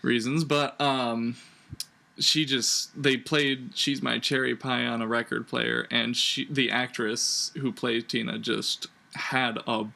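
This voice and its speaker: A man's voice: mid-range voice, little pitch movement, slow pace, vocal fry, bright, forceful tone. A young man co-hosting a horror movie review, chatting casually and stating his opinions emphatically.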